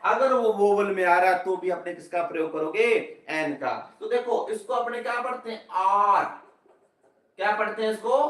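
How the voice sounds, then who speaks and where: High-voiced male teacher in an echoey room. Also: fairly bright tone, recorded from a distance. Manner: asks questions and answers them himself, repeating each point. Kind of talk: live online grammar class.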